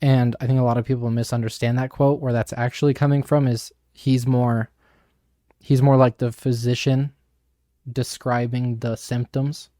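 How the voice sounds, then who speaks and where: A man's voice: mid-range voice, warm tone, no room sound, clean studio sound. A young man co-hosting a podcast, explaining ideas from a book in a thoughtful, casual way. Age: young adult. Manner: thoughtful, explanatory, with frequent fillers. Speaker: podcast co-host.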